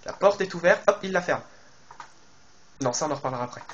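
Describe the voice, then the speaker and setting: Chatty man thinking aloud, slightly high voice. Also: expressive, quick pace, a bit bright, lo-fi sound, a little hiss or hum. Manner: chatty, thinks aloud with many fillers and restarts; addresses viewers directly. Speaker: video game YouTuber. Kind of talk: casual trailer analysis commentary.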